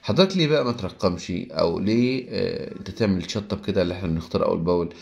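Male English teacher with an Egyptian Arabic accent, somewhat low voice, patient step-by-step explainer who reads example sentences slowly. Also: animated, vocal fry, a little mellow, dull audio. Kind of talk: recorded grammar lesson.

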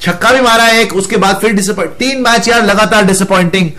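A man's voice: high voice, fairly quick, bright, forceful tone. A man hosting a casual cricket discussion, blunt and mocking in his banter. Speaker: cricket show host.

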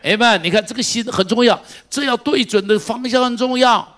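A middle-aged man preaching a sermon as pastor, moving from quiet storytelling to shouted exhortation and firing questions at the congregation. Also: very high voice, brisk. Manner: asks the congregation repeated direct questions.

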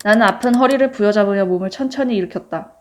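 A woman's voice: mid-range voice, fast talker, slight background noise. Woman reading story-game narration. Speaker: game player reading aloud.

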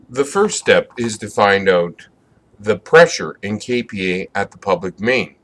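A middle-aged man with a somewhat low voice narrates a plumbing lesson from a script. He explains each step methodically, at a measured and even pace, like an instructor walking students through a code book.

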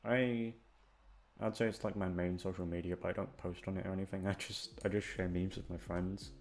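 An audio creator and voice actor, a young man chats aimlessly and casually to his listeners, self-deprecating, hesitant and sweary. His voice is low-pitched, darkish and level, and he talks briskly.

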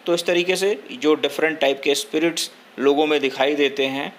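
A young man, explaining a story line by line in a lesson, pausing often with fillers. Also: fairly high pitch, a bit bright, slight background noise. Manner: slow, hesitant explaining with frequent filler pauses. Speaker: teacher.

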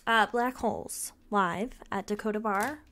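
A woman's voice: mid-range voice, unhurried. A young adult woman hosting a casual reaction vlog, rambling with lots of ums and little laughs. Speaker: reaction video host.

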